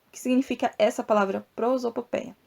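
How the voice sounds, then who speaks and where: Woman teacher explaining poetry slowly. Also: on the high side, steady tone, creaky, a little mellow. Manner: explanatory, addresses listeners directly with asides like "tá, gente?"; spells out rhymes and syllables slowly. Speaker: literature teacher and podcast host. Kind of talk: podcast lesson on poetry.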